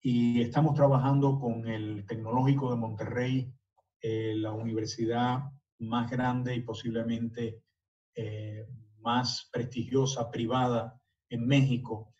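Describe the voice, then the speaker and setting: A man's voice: medium pitch, level tone, takes it slowly, a little mellow. Hesitant Cuban-born man in his sixties. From Cuba. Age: 60s. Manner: hesitant, many filler sounds. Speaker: architect giving a talk. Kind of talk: presentation talk with slides. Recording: muffled, distant lo-fi audio.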